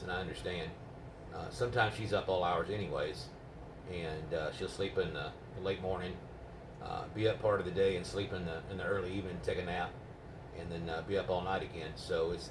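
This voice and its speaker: A man with a lowish voice talks casually as a radio operator, rambling and explaining patiently. He sounds distant from the mic in an echoey room with clear background noise. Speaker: amateur GMRS radio operator. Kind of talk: casual, unscripted radio chat. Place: indoors at a home radio base. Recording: roomy, noisy, distant microphone.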